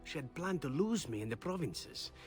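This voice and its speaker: Suave storytelling assassin, animated delivery. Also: male voice, fairly high pitch, moderate pace, soft background music. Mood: wry, reminiscing. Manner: wry, theatrical storytelling. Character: suave, playful male assassin telling tales of past kills. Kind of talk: video game dialogue acting.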